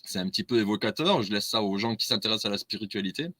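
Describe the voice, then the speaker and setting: A man's voice: fairly low pitch, racing, pushed and bright, no echo. A man, a guest in a casual discussion, explaining his views earnestly and at length.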